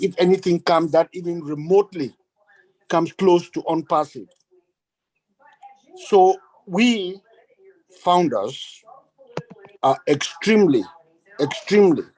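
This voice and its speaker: A man's voice: fairly high pitch, darkish tone, poor audio. A man from Cameroon speaking earnestly on a video call, often repeating his phrases for emphasis. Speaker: guest speaker. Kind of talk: online meeting remarks.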